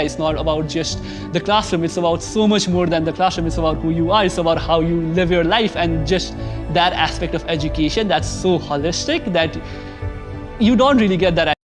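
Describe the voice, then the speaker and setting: A man's voice: fairly high pitch, brisk. Man from Nepal over background music. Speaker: college student. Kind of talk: promotional video interview. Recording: music bed under voice.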